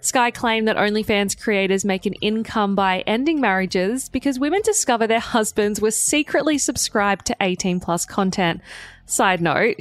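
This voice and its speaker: A woman hosts a daily entertainment gossip show, reading her script at a brisk clip. She drops in sassy little asides between the stories. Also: mid-range voice, dry recording. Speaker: gossip podcast host.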